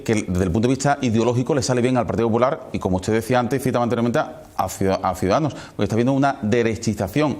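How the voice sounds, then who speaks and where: A man's voice: mid-range voice, a little mellow. A man hosting a political interview, putting long, formally worded questions to his guest. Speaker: interviewer, programme host.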